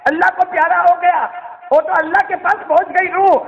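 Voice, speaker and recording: A man's voice: very high-pitched, fairly even intonation, a faint crowd, voice pushed up. A male preacher voicing a grieving young daughter at her father's deathbed, pleading with him through wailing questions. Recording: muffled, lo-fi, reverberant hall.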